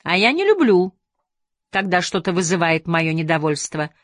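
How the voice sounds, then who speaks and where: A woman voicing a secretive, cruel old madam with a grating, gravelly voice and a mocking, reproachful manner. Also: fairly low pitch, sing-song, moderate pace, fairly bright tone, no echo, clean studio sound. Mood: displeased.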